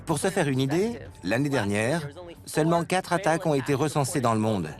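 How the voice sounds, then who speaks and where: A man's voice: on the high side, lively intonation, a little fast, music in the background. A man explaining as an expert interviewee in a documentary.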